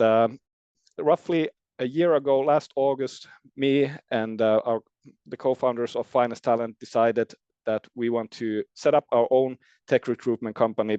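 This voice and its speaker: A man's voice: medium pitch, warm tone, smooth, dry recording. Male host, presentation style, hesitant delivery full of fillers, dull lo-fi recording. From born in Finland, grew up in Germany. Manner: hesitant, many uh fillers and restarts. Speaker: recruitment company CEO, webinar host. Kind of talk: presentation talk.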